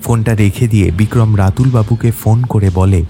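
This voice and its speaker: A man narrating a detective audio story in a steady storytelling manner. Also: fairly low pitch, moderate pace, over music.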